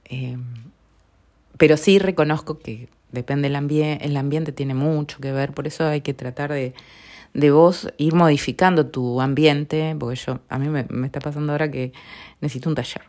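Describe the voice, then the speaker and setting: A woman's voice: deep voice, steady tone, moderate pace, darkish tone. A middle-aged woman with a Rioplatense Spanish accent, hosting a podcast in an earnest, reflective tone that often sinks to a near whisper. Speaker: podcast host. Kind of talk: reflective personal talk.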